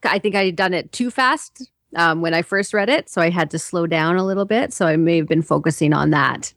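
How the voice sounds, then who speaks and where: A woman's voice: on the low side, fairly quick, a bit bright, no room sound, studio quality. A young woman from Canada, a guest voice actor, talking hesitantly about her own audition. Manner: hesitant, self-reflective, laughs often.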